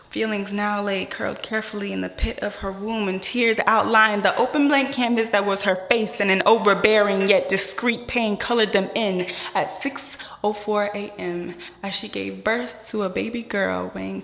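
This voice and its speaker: A woman performs spoken word poetry in a big, reverberant hall, her mid-pitched voice trailing long echoes. Her delivery is rhythmic and dramatic, swelling and then pausing with deliberate weight. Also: vocal fry, fairly bright tone.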